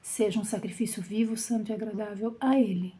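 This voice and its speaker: A woman with a Brazilian Portuguese accent leading a Bible study, reading scripture aloud and explaining it, sometimes dropping to a soft whisper for emphasis. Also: mid-range voice, steady tone, brisk. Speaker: Bible teacher.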